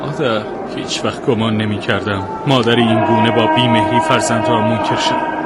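A man's voice: on the low side, fairly even intonation, loud music behind the voice, close to an everyday voice. An actor playing a young man who pleads emotionally with his mother in a radio drama. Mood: pleading. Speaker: Khalid, the son.

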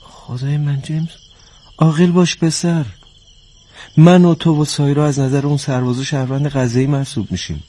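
An actor dubbing a cautious, worried male colleague who reasons calmly but fearfully. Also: on the high side, natural voice. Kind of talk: dubbed film acting.

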